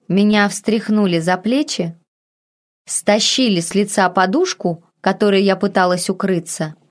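Woman narrator, audiobook reader, measured first-person storytelling. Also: mid-range voice.

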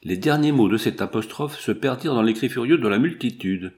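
A man reading a novel aloud in a measured, dramatic narration. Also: medium pitch, expressive, darkish tone. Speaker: audiobook reader. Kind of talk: scripted narration.

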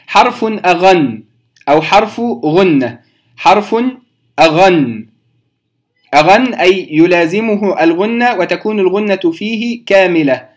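A man explaining recitation rules to beginners, patient and direct with his listeners, repeating key terms slowly. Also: sits high. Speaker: Quran recitation teacher.

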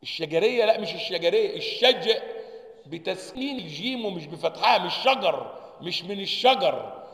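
Egyptian sheikh teaching letter sounds, fairly high voice, lots of hall echo, keeps asking if everyone's following. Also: male voice, lively intonation, moderate pace, fairly bright tone. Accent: Egyptian Arabic. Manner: checks understanding with repeated questions; demonstrates letter sounds aloud. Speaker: sheikh teaching Quran sciences. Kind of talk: lesson explaining articulation points of letters. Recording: echoey hall reverb.

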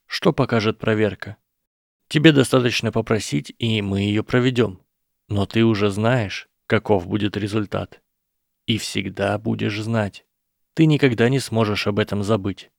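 An earnest young wizard, as a male reader plays him explains his argument slowly and persuasively. His low, gravelly tone stays close and dry, with no room around it. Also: no echo. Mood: reasoning. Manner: measured, persuasive, slow explaining. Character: earnest boy wizard, calm and reasoning. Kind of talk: audiobook character voice.

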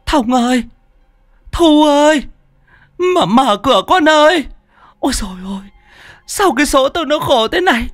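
A man's voice: very high-pitched, lively intonation, moderate pace, long pauses, dry recording, studio quality, pitched above the performer's own voice. A man voicing a distraught old peasant woman, wailing and pleading.

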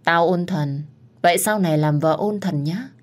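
A woman's voice: fairly low pitch, normal speed, darkish tone, close to an everyday voice. Woman playing a cocky, teasing young servant. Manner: brash, teasing.

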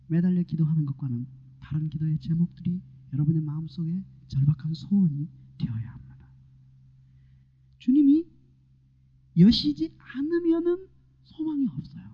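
Male pastor, lively preaching sermon, whisper-to-shout swings, dull lo-fi recording. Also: high voice, breathy edge. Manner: swinging from hushed whispers to loud exclamations, asking the congregation questions.

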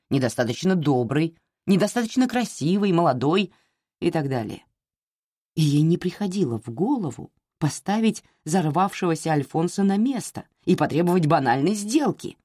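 A woman reading a novel aloud as an audiobook narrator, measured and expressive. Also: lowish voice, slightly rough, dry recording, clean studio sound.

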